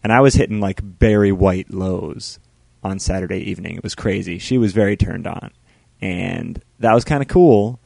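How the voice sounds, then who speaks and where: A man co-hosting a casual podcast, his voice hoarse and gravelly from shouting. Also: on the low side, animated, fairly quick, hardly any pauses, no room sound. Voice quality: gravelly, frog in the throat. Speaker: podcast co-host.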